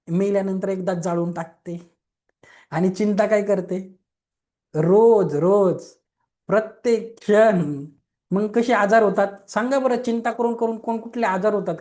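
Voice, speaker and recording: This Reiki webinar is led by a young adult man speaking on an online webinar mic. His voice is high-pitched and a little mellow. He frequently checks in by asking if listeners agree, keeping things simple with questions and everyday examples.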